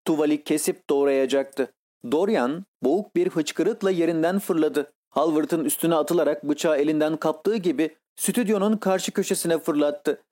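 A male audiobook narrator reads a classic novel in a measured, literary manner. His voice is mellow and warm and sits a little high. He takes his time over each sentence. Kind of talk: scripted narration.

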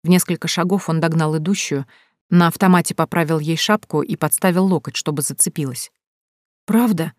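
A woman reading a novel aloud in a steady, even narrative style, recorded dry and close. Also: low-pitched, brisk, no echo. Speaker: audiobook narrator.

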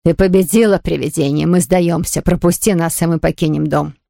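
Woman playing a no-nonsense lady ghostbuster in a storybook, low and hushed, dry close sound. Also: fairly even intonation, a little fast, vocal fry, no echo. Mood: determined. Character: brisk, resolute older lady ghost-fighter.

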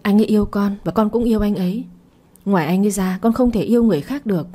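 A woman's voice: mid-range voice, fast talker, mellow, natural voice. Woman reading as a pleading tearful daughter. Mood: earnest. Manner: pleading, apologetic. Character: frightened, tearful young woman.

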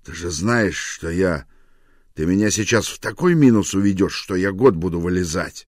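A harried, defensive husband who grumbles and snaps with sarcasm, as a male narrator voices him. His voice is very deep and the sound is close and dry. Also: moderate pace, no echo. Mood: grumbling. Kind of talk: audiobook character voice.

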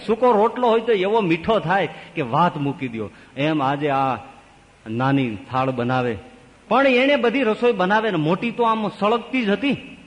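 Animated storytelling preacher in a big hall. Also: male voice. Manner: animated, with wide pitch swings. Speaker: swami giving a religious discourse. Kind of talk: sermon storytelling. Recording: long reverb of a large hall.

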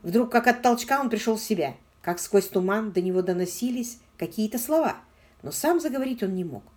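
A woman's voice: mid-range voice, lively intonation, a little fast, darkish tone. A woman narrating a novel as an audiobook, with dramatic, varied intonation.

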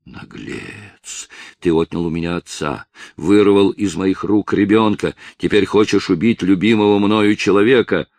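A man's voice: sits low, fairly even intonation, moderate pace, hardly any pauses, a little mellow, dry recording. A man voicing a grieving, proud young woman in a novel reading, speaking with defiance. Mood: defiant. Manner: pleading then defiant.

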